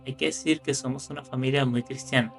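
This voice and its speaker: A man reading horror stories aloud in calm scripted narration, rising for the tense moments. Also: medium pitch, quick pace. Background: faint music.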